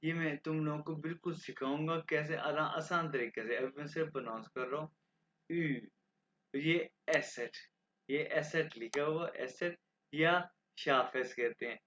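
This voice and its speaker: A man from Pakistan teaches a language class in a bright, sharp voice pitched a little high. He spells out letters and phrases at an unhurried pace, repeating them for students to copy. The recording sounds dull and lo-fi. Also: a little hiss or hum. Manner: repeats words slowly for learners to copy. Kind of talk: online language lesson.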